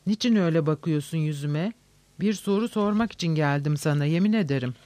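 Agitated young gent, pushy and sharp, highish voice guy doing it. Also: brisk, no echo, lightly acted. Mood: demanding. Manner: insistent, sharp, shouting at times. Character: agitated, demanding young gentleman, nervous.

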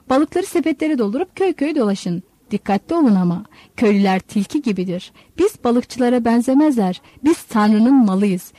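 A woman's voice: on the high side, dark tone, dry recording. A woman voicing a crafty, bossy old male fisherman who sweet-talks and gives orders. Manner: sly, bossy, sweet-talking.

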